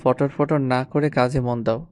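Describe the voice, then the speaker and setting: A man voicing a smug, playful young husband in an audio story, teasing in an unhurried mocking tone. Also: mid-range voice, steady tone, a little mellow, a little hiss or hum, close to an everyday voice.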